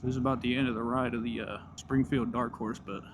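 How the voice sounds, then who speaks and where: A man talks casually as he rides a motorcycle, in a medium-pitched voice. His commentary is slangy and enthusiastic yet laid-back. Loud engine and riding noise runs heavily through the outdoor recording. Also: steady tone, brisk. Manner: talking while riding a motorcycle. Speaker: motorcycle vlogger.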